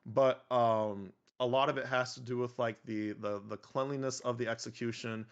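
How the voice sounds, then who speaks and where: A young man chatting casually as a podcast guest, animated and rambling, full of fillers and restarts. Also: medium pitch, normal speed, muffled recording. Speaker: podcast guest, miniature painter. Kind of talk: casual conversational interview.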